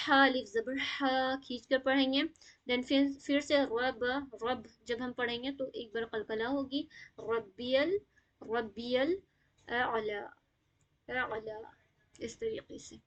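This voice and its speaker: High-voiced woman teaching tajweed. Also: fairly even intonation. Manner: patient, explains step by step, mixing in English words. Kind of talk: live online Quran recitation lesson.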